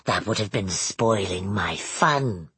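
A woman's voice: extremely low pitch, lively intonation, takes it slowly, a bit bright, slightly rough, no room sound, pitched below the performer's own voice, heavily acted. A woman reading a novel aloud, voicing a sinister older man who talks in a falsely polite carnival barker's voice. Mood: sulky. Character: sinister older man, sunny showman charm, menacing.

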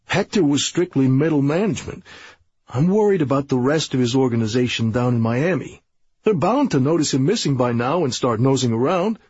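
A man voicing a nervous patrolman who frets over danger in quick, worried bursts. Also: medium pitch, animated, darkish tone, slightly rough, no room sound, highs cut off. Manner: worried, hurried questions. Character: anxious male patrolman, rattled and nervous.

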